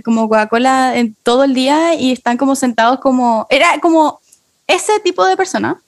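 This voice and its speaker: A young Chilean woman with a high voice tells a story among friends, quick and giggly. The sound is dry and close. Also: no room sound. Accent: Chilean Spanish. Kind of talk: casual chat among friends.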